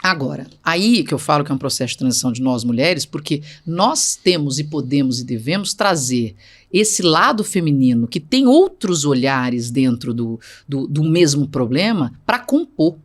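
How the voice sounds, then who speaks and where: A woman's voice: low voice, big pitch swings, normal speed. A middle-aged woman speaking as a guest in an interview, emphatic and assertive, repeating points for stress. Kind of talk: conversational interview.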